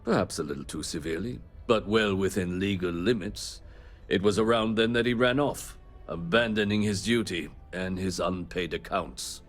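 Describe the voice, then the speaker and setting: Low-voiced, smug villainous manager. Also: male voice, soft background music. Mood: cold, dismissive. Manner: measured, villain-like monologue delivery. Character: smug, cold male trade company manager, villainous air. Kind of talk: video game dialogue.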